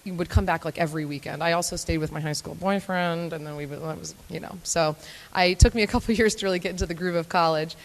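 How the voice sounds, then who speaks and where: A young woman from Florida, United States, gives a chatty, self-deprecating talk as a guest speaker at a morning event, before a live audience in a hall. Her voice is fairly low and quick, she uses frequent filler ums, and the recording carries long hall reverb.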